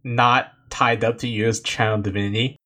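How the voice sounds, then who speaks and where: A man's voice: mid-range voice, fairly even intonation, normal speed, a crowd in the background. A man playing a tabletop game, talking hesitantly and tripping over repeated words. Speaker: player. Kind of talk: casual tabletop game chat.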